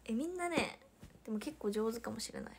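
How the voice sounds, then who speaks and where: A woman's voice: on the high side, lively intonation, fairly quick, gravelly, a little hiss or hum. A young woman from Hiroshima with a Hiroshima accent, chatting casually on a livestream, reading viewer comments aloud and laughing often. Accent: Hiroshima Japanese. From Hiroshima, Japan. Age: young adult. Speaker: idol livestreamer.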